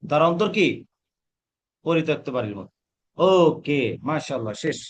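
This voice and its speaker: A man's voice: on the high side, lively intonation, normal speed. A man teaching a Quran reading class, asking questions, repeating the answers and drilling pronunciation with the students. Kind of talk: teaching a class, call and response.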